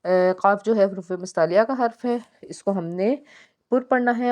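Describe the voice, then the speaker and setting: Woman teaching Quran recitation slowly. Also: mid-range voice, darkish tone, dull audio. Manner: slow, deliberate syllable-by-syllable spelling with drawn-out recitation. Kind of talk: tajweed lesson, spelling out and explaining recitation.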